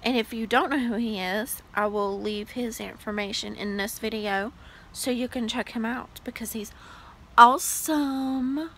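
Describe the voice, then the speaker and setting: A woman's voice: on the high side, steady tone, normal speed, fairly bright tone, a little hiss or hum, poor audio. A woman in her late twenties chatting casually to her vlog viewers, gushing and full of "like" fillers. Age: 20s. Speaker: vlogger. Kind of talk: casual vlog chat to camera.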